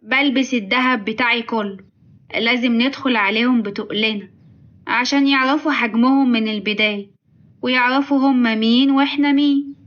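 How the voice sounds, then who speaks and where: A woman voicing a sharp-tongued, greedy older mother-in-law with an Egyptian accent, mocking and scornful. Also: on the high side, fairly quick, dull audio, close to an everyday voice. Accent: Egyptian Arabic.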